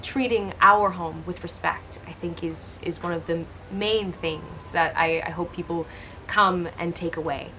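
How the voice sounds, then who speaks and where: This Hawaiian actress, in her twenties, responds to an interviewer with earnest, expressive answers full of restarts. She speaks in a fairly low pitch at a measured pace, and the poor audio carries a slight hiss or hum.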